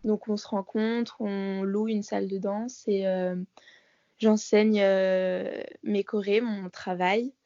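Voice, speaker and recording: A woman's voice: medium pitch, flat delivery, slow pace, mellow, dry recording. An eighteen-year-old woman, a dancer, chatting loosely with plenty of fillers while heard over a phone call line. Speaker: dancer, interview guest. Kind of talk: casual chat.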